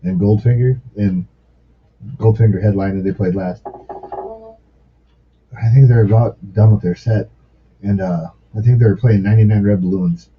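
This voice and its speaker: A man telling stories in a casual podcast chat, excitable and full of swearing. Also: on the low side, normal speed, pauses often, breathy edge. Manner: profane, excitable storyteller. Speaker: podcast guest. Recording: muffled lo-fi podcast audio.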